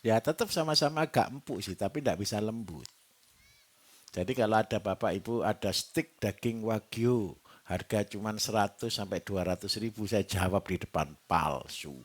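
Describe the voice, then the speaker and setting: In a seminar on raising livestock, a trainer from Java with a Javanese accent jokes with his audience and tests them with questions. He speaks at normal speed in a fairly low-pitched voice, keeping the mood lively.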